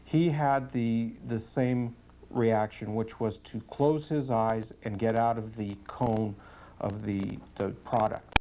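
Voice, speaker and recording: A man speaking as a police sergeant giving a testimonial in an interview, earnest, deliberate and matter-of-fact. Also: lowish voice, steady tone, mellow, rough recording.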